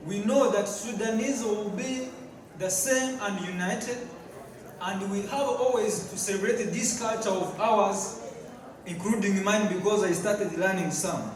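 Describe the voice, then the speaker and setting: High-voiced man speaking in a hall. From Tanzania. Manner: halting, with fillers and repeated words. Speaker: guest speaker. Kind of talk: public speech. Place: large hall at a community event. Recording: echoey hall, distant mic, crowd. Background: crowd.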